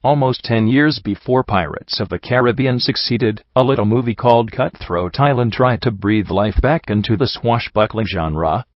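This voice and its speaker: A man's voice: medium pitch, normal speed, hardly any pauses, no room sound. A man narrating a scripted list of movie recommendations in a wry, playful, upbeat manner. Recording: dull, lo-fi dry sound.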